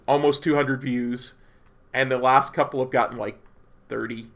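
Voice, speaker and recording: A man chatting casually as he plays a game, musing aloud in a halting way. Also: mid-range voice, fairly even intonation, a bit bright. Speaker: gaming streamer. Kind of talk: casual chat while playing. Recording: clear background noise.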